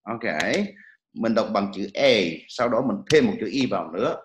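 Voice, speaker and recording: A man's voice: lowish voice, normal speed, roomy sound, a little hiss or hum. A man teaching English pronunciation, patiently repeating each sound for students to copy. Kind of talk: pronunciation lesson with repetition drills.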